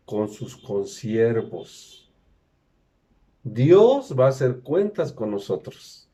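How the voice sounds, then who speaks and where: A man's voice: medium pitch, mellow. A man preaching a sermon in an earnest, emphatic way, repeating his key phrases. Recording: dull lo-fi recording.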